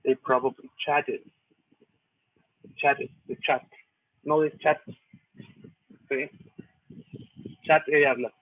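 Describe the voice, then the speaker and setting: Chilean guy explaining english grammar, husky voice, sounds like a phone recording. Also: mid-range voice, little pitch movement, drawn-out words, pauses often, dry recording. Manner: explains step by step, asks "¿sí?" and "¿cierto?" often. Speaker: English teacher. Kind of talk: recorded lesson walking through a reading. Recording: tinny phone-like lo-fi audio.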